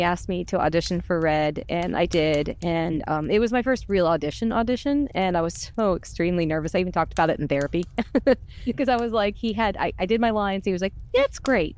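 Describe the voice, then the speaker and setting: With a lowish, slightly mellow voice, a woman who does podcast voice acting tells personal stories in casual chat. She comes across as candid and self-deprecating.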